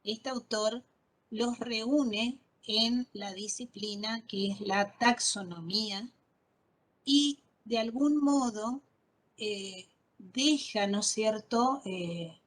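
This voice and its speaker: A woman's voice: mid-range voice, rough recording. A woman teaching a botany class, patiently spelling out terms and checking understanding with frequent questions. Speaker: botany lecturer. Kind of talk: online class lecture.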